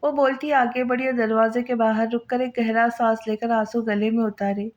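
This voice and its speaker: Woman narrator reading a romance novel aloud, fairly high voice, dull lo-fi recording. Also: little pitch movement, normal speed, darkish tone.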